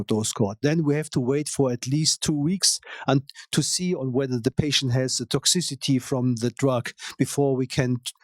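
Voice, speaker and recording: Measured male executive, dry close sound. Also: medium pitch, no echo. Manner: measured, explanatory, with frequent fillers. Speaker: company executive answering investors. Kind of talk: investor Q&A answer.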